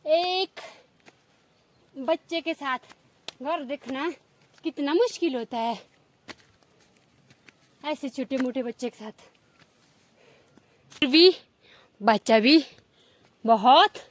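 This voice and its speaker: A woman's voice: high-pitched, takes it slowly, long pauses, slight background noise. A woman with a Himachali Pahadi accent, chatting to her viewers as a village vlogger in a rambling way full of fillers. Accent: Himachali Pahadi Hindi. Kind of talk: casual chat to viewers.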